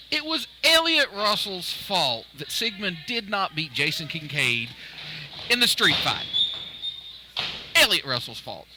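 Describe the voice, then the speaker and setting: Sharp, forceful male wrestling commentator. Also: high-pitched, a little hiss or hum. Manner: opinionated, emphatic explaining. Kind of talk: live match commentary.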